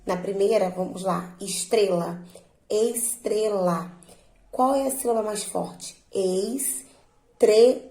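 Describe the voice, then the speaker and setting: A woman teacher slowly and patiently walking her students through a worksheet, drawing out words to stress their syllables. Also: medium pitch, darkish tone, reverberant, rough recording. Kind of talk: remote lesson walking students through exercises.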